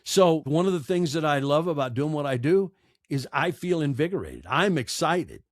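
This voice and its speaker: His fairly high voice swings widely in pitch as this middle-aged American interview guest, an audiobook narrator and podcaster, answers candidly and conversationally at a moderate pace. He is earnest, emphatic and emotional, recorded in studio quality with no room sound.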